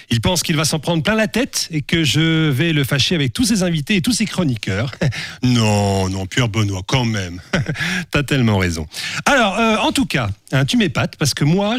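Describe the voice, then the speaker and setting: A man's voice: fairly high pitch, no room sound. Brief man, mocking radio columnist, bouncy up-and-down delivery, dry close studio mic. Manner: teasing, mocking. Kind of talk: satirical radio editorial. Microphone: studio microphone.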